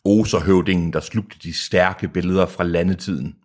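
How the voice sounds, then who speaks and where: A man's voice: sits low, fairly even intonation, a little mellow, husky. A man co-hosting a podcast, reading a novel aloud and breaking off for joking asides. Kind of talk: reading aloud with casual chat.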